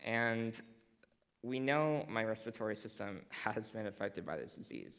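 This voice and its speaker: A teenage boy giving a prepared stage talk to a school audience, measured and dry, with a self-deprecating sense of humor. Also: lowish voice, expressive, a bit bright, poor audio. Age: teens. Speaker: student speaker.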